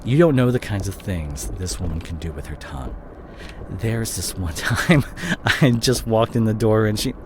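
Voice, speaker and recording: A man performs a dramatic roleplay monologue as a guilt-ridden ex-CEO boyfriend speaking directly to his partner, while car sounds come through clearly. Fairly low in pitch, he explains uneasily, faltering with emotion and repeating or breaking off words.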